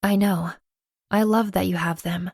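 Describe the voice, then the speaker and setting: A woman's voice: medium pitch, steady tone, unhurried, darkish tone, slightly rough, no room sound, clean studio sound. Woman narrating a romance audiobook. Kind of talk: first-person romance narration.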